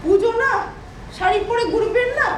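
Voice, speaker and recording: A woman's voice: very high-pitched, moderate pace, slight background noise. An actress playing a daughter-in-law who keeps repeating words to correct her deaf mother-in-law. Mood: exasperated. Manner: patient then exasperated, repeating words. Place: large auditorium stage. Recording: echoey hall from far off.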